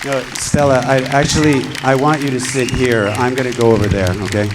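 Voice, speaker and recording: A man's voice: mid-range voice, fairly even intonation, brisk, a crowd in the background, noisy background. A man moderating a live debate, talking hesitantly with stammering restarts.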